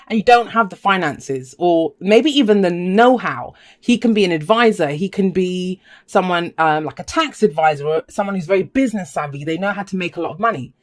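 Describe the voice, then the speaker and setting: Casting: upbeat tarot reader, talks straight to the viewer, chatty and emphatic, repeats words for stress. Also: mid-range voice. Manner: enthusiastic, emphatic repetition, chatty asides. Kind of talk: casual spoken tarot reading to viewers.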